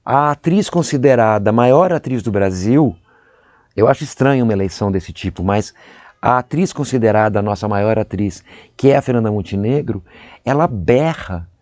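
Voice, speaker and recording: A middle-aged man with a Brazilian accent, an actor telling stories in an interview, animated and acting out how others speak. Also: on the low side, moderate pace, no room sound. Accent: Brazilian Portuguese. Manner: animated, acts out voices and stressed syllables. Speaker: actor guest. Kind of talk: interview storytelling.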